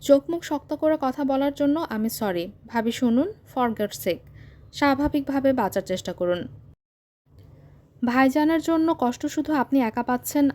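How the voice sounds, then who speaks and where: A woman voicing a stern young uncle who speaks gravely and earnestly in an audio story. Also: high voice, a little mellow. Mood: firm. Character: stern young uncle, calm but firm man.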